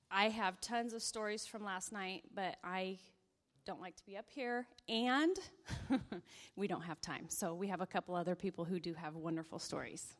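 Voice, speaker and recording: A woman organizing a church event, speaking gratefully and self-deprecatingly to the congregation. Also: on the low side. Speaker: event organizer thanking volunteers. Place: church sanctuary. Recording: echoey church hall.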